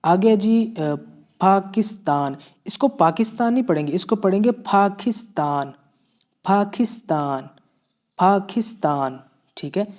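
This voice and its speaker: A man's voice: high voice, expressive, a little slow, darkish tone. A man from Pakistan with a Pakistani Urdu accent teaching Korean vocabulary, patiently repeating each word and checking in often. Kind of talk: classroom-style vocabulary lesson.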